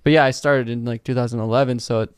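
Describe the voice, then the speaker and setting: Smooth, flat-voiced male interviewer. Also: medium pitch, fast, no room sound, clean studio sound. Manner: relaxed, thoughtful, many fillers. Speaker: interview host. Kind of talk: casual interview chat.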